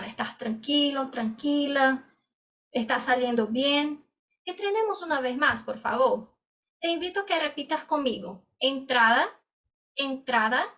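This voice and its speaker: A woman gives a Spanish lesson in a high, bright voice. She stretches out each model word slowly and clearly, then shifts back to to explain. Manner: slow, drawn-out model pronunciations; switches between Portuguese and Spanish mid-sentence. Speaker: Spanish teacher. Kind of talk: language lesson.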